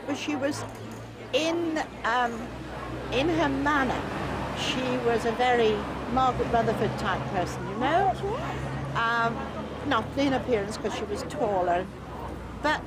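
An Englishwoman in her seventies speaks a little slowly, her voice on the high side, as she chats informally and tells anecdotes. It's a kind of public address and reminiscence, delivered outdoors on a street among onlookers. The recording is noisy, full of crowd sounds and ambience.

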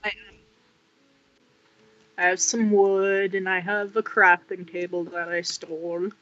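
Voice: mid-range voice, level tone, measured pace, bright, forceful tone, muffled recording. A co-player chatting casually during a game with blunt, short remarks. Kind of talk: casual gameplay chat.

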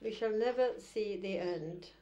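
A woman's voice: medium pitch, unhurried, warm tone. A woman introducing a poem with hesitant fillers, then reading it aloud carefully. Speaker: poetry reader.

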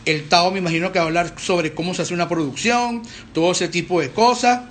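A man's voice: high-pitched, fairly quick, a bit bright, slight background noise. A middle-aged man, hosting a casual live stream in a rambling, chatty way. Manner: rambling, chatty, with restarts and fillers.

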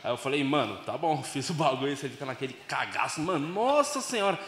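A man doing stand-up with a high voice and loose, slangy delivery. He tells his story like he's talking to friends. The room is echoey, with noise behind him. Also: very animated, fast talker, fairly bright tone. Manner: casual, slangy, confessional. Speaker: stand-up comedian. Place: comedy club stage with live audience.

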